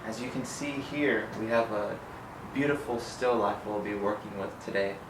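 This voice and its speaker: A young man from Southern California narrating a drawing demonstration as an art instructor, measured and explanatory with hesitant fillers. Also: lowish voice, noisy background.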